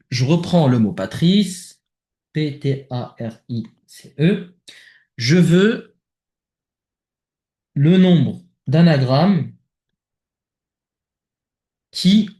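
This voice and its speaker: A man with a French accent talking casually through a math exercise step by step, thinking aloud with many fillers. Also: a little high. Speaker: math tutor. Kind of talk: worked exercise explanation. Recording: echoey room.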